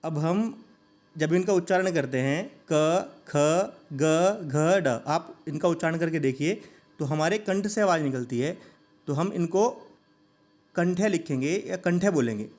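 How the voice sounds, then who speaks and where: A man teaching a grammar lesson, saying each sound slowly and asking listeners to repeat it. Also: fairly high pitch, a little mellow, faint music behind.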